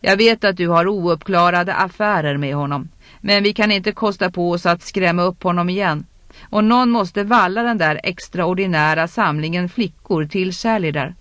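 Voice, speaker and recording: A brisk, cool noblewoman from a fantasy audiobook, as the narrator puts her on, handing out orders in a steady voice. The recording is dry and close, with no room sound. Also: mid-range voice, no echo, lightly acted. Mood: commanding.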